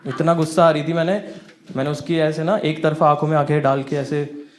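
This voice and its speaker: Animated young male stand-up storyteller. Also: on the high side, a little fast, a little hiss or hum. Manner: animated, rising to exasperated outbursts. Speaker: stand-up comedian.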